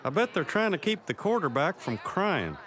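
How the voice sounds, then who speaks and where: A man voicing a blunt, football-loving dad in an animated comedy. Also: fairly high pitch, normal speed, a little hiss or hum.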